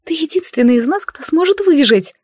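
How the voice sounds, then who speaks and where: A frightened young girl pleads urgently in a high, strained voice, as a woman reading a storybook puts her on. The recording is dry and close. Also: animated, fairly quick, a little mellow, no room sound. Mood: pleading. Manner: urgent, pleading whisper turning to shrill protest.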